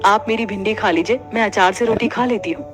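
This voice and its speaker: Young daughter-in-law, patient, gentle, mid-pitched, cartoon voice, a woman doing her. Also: fairly quick, soft background music, natural voice.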